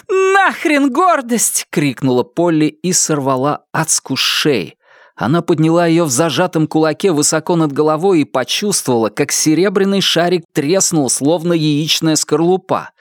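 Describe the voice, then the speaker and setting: A man reading an audiobook in a steady, dramatic storytelling manner. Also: a little high, no echo, studio quality. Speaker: audiobook reader. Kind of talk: scripted narration.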